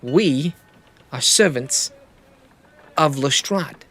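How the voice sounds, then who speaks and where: A man's voice: a little high, very slow, fairly bright tone, breathy edge, heavily acted. A man playing a stern, proud male ship captain who answers in a clipped, defensive way.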